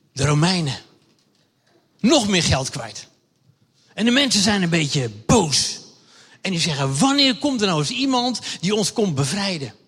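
A Dutch man with a fairly high voice leads a children's sermon in a church hall. He talks to the kids in a friendly, chatty way, wandering about with a wireless mic. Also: fairly bright tone, slightly rough. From Netherlands. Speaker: lay preacher. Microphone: wireless microphone, moving around.

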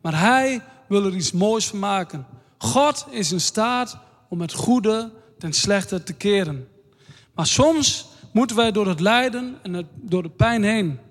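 A man preaching a sermon in a slow, earnest way, reading scripture aloud. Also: high voice, lively intonation. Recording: long hall reverb.

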